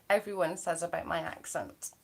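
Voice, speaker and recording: Reading out her viewers' comments, a Welsh woman hosting a livestream keeps up a bubbly, gossipy chatter in an accent from close to the English border. She sits on the low side with vocal fry, a steady tone and normal speed.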